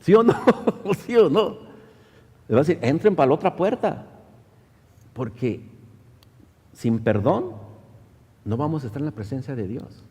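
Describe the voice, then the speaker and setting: Pastor preaching in a reverberant church hall. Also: male voice, sing-song, a little slow, pauses often, a little mellow, husky. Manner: storytelling, acts out quoted voices with rising pitch. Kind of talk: sermon.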